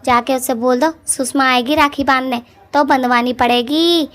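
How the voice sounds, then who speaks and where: A woman voicing a quarrelsome young witch woman in a cartoon, loud, rough and scolding. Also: very high-pitched, very animated, normal speed, pitched above the performer's own voice, exaggerated voice. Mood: angry.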